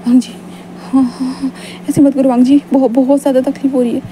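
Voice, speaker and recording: Woman narrator playing a high-strung young guy, whiny and stammering, quick and a touch high. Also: level tone, background noise, natural voice. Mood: upset. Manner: high-strung, complaining, stammers when flustered. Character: young man, excitable, loud protester, quick to whine.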